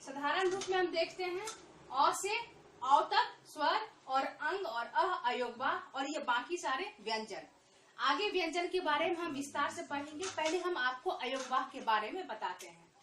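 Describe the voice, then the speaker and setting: Slow, high-voiced teacher woman. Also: expressive, a bit bright, distant mic, slight background noise. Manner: slow, patient, repeats points and drawn-out vowel sounds. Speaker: Hindi teacher. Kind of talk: online Hindi lesson for children. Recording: echoey room, voice a bit off-mic.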